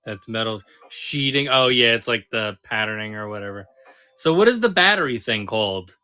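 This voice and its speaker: A man's voice: lowish voice, animated, normal speed, bright, forceful tone, smooth. A man hosting a live toy sale stream, chatting casually with viewers, joking and laughing often.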